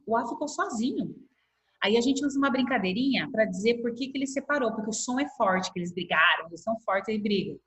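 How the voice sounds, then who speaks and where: A middle-aged woman with a Brazilian accent, a primary school teacher giving a patient online class and slowly stretching out words to show how they split. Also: fairly high pitch, animated, fairly bright tone. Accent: Brazilian Portuguese. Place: home room on a video call. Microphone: laptop mic on video call. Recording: echoey video-call audio.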